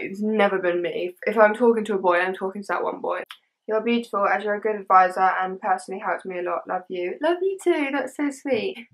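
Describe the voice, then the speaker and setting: A woman's voice: mid-range voice, fairly bright tone, poor audio. Chatty young English woman, slangy and informal. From England. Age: young adult. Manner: informal British teen slang, chatty, frequent "like". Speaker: social media creator. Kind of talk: casual chat to camera, reading out and answering assumptions.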